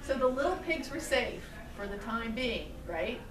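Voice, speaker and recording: A middle-aged woman, a storyteller and puppeteer, speaks to small children indoors at a daycare, keeping her phrases simple and frequently questioning them. Her fairly high voice is very animated at a normal speed, with crowd noise around. The recording, from a camera mic some distance away, is echoey and noisy.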